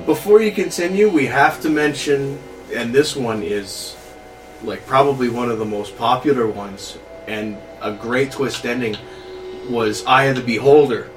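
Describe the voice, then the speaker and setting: A man's voice: medium pitch, a little slow, recorded from a distance, soft background music, poor audio. A man hosting a casual chat, retelling stories and acting out the dialogue, with some swearing. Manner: profane, acts out dialogue. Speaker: host.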